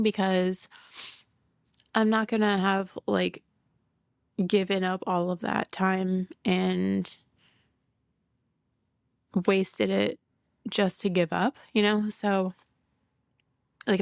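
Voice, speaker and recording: Candid podcast host woman with gravelly voice. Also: mid-range voice, a little mellow, no room sound, studio quality. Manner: candid, laughs often, swears, many "like" fillers; emotional, confessional. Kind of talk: casual solo podcast talk.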